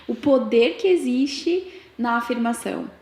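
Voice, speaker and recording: A woman's voice: on the high side, animated, a little slow, gravelly, a little mellow. A woman podcast host and coach who responds in an affirming, reflective way during casual chat. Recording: roomy echo.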